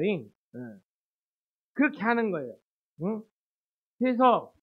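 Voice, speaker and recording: Male pastor, high voice, sermon storytelling with rhetorical questions, tinny lo-fi sound. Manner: acts out quoted characters in dialect. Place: church sanctuary.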